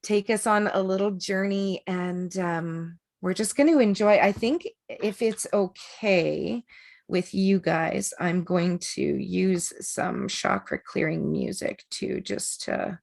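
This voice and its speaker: A woman with a gravelly, creaky edge to her voice leads an energy work class over a video call. She talks in a chatty, rambling way, full of fillers and little laughs. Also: medium pitch, takes it slowly, darkish tone. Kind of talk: casual online class talk.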